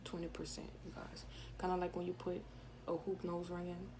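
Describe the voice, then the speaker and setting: Rambling and chatty, a Louisiana vlogger in her twenties talks to the camera inside her home, dropping self-focused asides. She speaks at a normal speed in a fairly low, monotone voice over some background noise.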